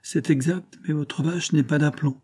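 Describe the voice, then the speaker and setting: Bold, teasing young country girl, put on by a male reader; lighter pitch, husky tone. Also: unhurried. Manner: lively, bold, playful. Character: spirited young woman, country girl with city schooling, teasing. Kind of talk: audiobook character reading.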